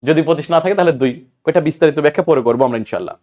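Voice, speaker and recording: A man's voice: on the high side, rapid-fire, narrow, tinny audio. A man from Bangladesh, teaching an exam-prep grammar lesson and quizzing listeners before answering his own questions.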